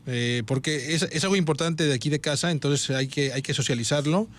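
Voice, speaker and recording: A man with a Mexican Spanish accent co-hosting a radio talk show in a studio, bantering and quick to agree. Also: a little high, fairly bright tone. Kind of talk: casual radio chat.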